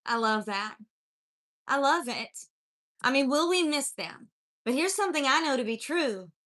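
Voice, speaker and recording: Woman livestream host, mixed accent, bright and fairly high, earnest encouraging preacher. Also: animated, moderate pace. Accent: mixed accent from many places. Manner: earnest, encouraging, reads out viewer comments. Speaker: spiritual life coach and live-stream host. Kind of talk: live-stream chat greeting viewers and preaching.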